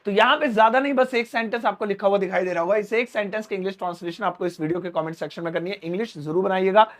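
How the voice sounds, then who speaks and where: A man teaching spoken English to camera, who asks questions and answers them himself and slows down to spell out English phrases. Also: sits high. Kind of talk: spoken English lesson explained in Hindi. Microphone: speaking to camera.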